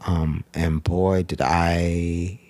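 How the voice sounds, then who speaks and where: A deep-voiced man in his thirties, a painter guest, speaks extremely slowly with little pitch movement and a darkish tone, and there's no echo. In this casual studio conversation, with mic arms around, he's reflective and uses "like" and "um" a lot.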